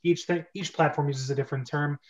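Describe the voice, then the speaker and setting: A man with a slightly high voice and fairly even intonation talks quickly as host of an online script reading club. He rambles informally through a casual livestreamed group chat about scripts, and the stream audio is dull and lo-fi.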